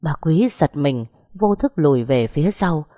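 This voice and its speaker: A woman narrating a sad family story in a soft, measured storytelling voice. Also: low voice, expressive, dry recording, studio quality.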